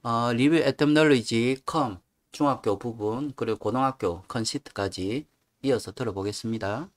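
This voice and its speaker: A man's voice: medium pitch, measured pace. A man teaching English vocabulary in a casual, chatty lecture style, explaining with filler words.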